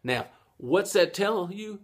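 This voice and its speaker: A man's voice: high-pitched, lively intonation, takes it slowly. A middle-aged man, giving a casual, folksy ukulele lesson and laughing at his own jokes. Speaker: ukulele teacher.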